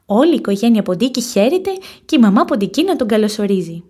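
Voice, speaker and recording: A woman narrating a children's storybook, expressive and animated. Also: fairly high pitch, slightly rough. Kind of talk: storybook reading.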